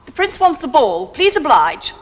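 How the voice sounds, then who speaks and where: A woman's voice: high voice, sing-song, normal speed. An actress playing a queen who fusses over the prince in a television drama. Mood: fretful.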